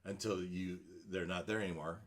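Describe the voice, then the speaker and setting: A man working as game master, narrating a tabletop game in a halting, conversational way. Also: sits low, fairly even intonation.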